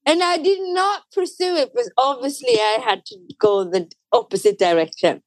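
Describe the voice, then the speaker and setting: A young Swedish woman with a Swedish accent speaks at normal speed in a high voice with lively intonation. She chats casually as an interview guest, full of fillers and restarts, on a dry, low-quality recording.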